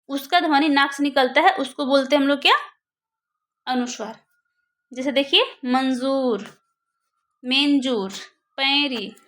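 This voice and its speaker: A woman's voice: high-pitched, a bit bright. A woman teaching a grammar lesson for exam preparation, who asks questions and answers them herself.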